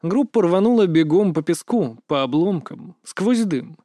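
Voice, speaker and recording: A man tells a war story in short, punchy sentences. His voice is a little high for a man. The recording is dry and close, with no room echo. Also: lively intonation, measured pace, mellow. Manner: terse, clipped action narration. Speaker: narrator. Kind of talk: scripted narration of a war story.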